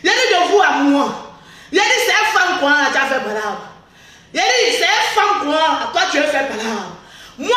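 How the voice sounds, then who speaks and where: A woman blogger giving a boastful, taunting livestream rant, often laughing and shouting. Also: sits high. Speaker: social media blogger. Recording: very echoey, far from the mic.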